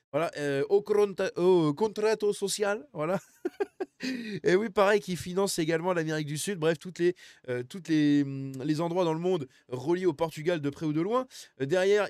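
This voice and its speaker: A man with a somewhat high voice chats through a run of images in casual commentary. His talk is crude and slangy, full of fillers and joking asides. The sound is close and dry, with no room around it. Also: a little mellow, no room sound. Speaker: video commentator.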